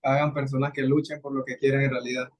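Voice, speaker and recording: Flat-voiced young man. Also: medium pitch, fast. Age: young adult. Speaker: podcast co-host, student. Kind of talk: casual discussion podcast.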